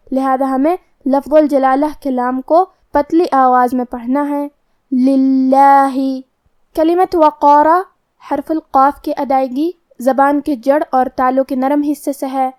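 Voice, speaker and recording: High-voiced woman teaching tajweed. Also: a little mellow. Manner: measured, explanatory, letter by letter. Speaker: Quran recitation teacher. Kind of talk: tajweed lesson, explanation and slow recitation.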